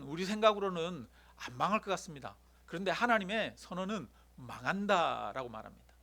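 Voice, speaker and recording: A man preaching a sermon as pastor, slowing to stress key words and putting questions to the congregation. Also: sits high, fairly bright tone. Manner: asks the congregation questions, addresses a member by name; slows and stresses key words, quoting voices.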